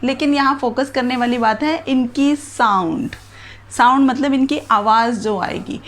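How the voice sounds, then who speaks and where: Slow-explaining woman teacher, higher voice. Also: a bit bright. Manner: explains slowly, spells out letters and examples one by one. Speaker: English grammar teacher. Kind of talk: whiteboard grammar lesson.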